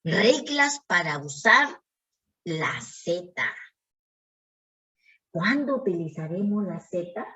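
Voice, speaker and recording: Woman teacher; unhurried, clear lesson delivery, keeps checking the class follows. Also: on the low side, big pitch swings, sharp tone. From Peru. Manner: slow, patient, checking in with "¿sí?".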